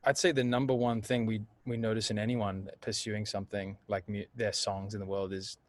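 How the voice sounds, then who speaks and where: A man's voice: on the low side, a little fast, dry recording. Man telling stories animatedly. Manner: animated storyteller, acts out quoted voices. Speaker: singer and voice coach, guest. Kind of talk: casual conversational interview.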